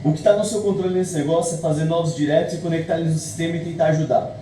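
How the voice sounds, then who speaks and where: A Brazilian man with a fairly high voice urges his followers not to lose heart. He sounds far from the phone, deep in a ringing echo, with loud street noise around him. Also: fairly even intonation, racing. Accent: Brazilian Portuguese. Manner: urgent, encouraging, exhorting. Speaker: motivational business speaker. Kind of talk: pep talk to followers in a clip. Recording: distant echoey phone clip with street noise.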